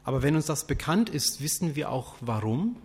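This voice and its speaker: A man preaching a sermon, asking rhetorical questions in a deliberate, questioning way. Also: fairly high pitch, big pitch swings, darkish tone, breathy edge. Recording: long hall reverb.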